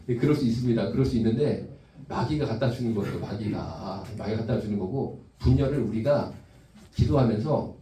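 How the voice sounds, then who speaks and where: A man's voice: lowish voice, brisk, warm tone. A man, a pastor, preaching a sermon in a conversational way and putting questions to his congregation. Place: church sanctuary. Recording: echoey church from a distance.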